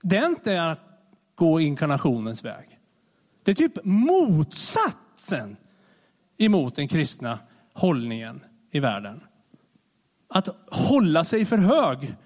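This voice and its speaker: A man preaching a sermon in a conversational, animated way, often restarting his sentences. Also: on the high side, long pauses. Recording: long reverb of a large hall.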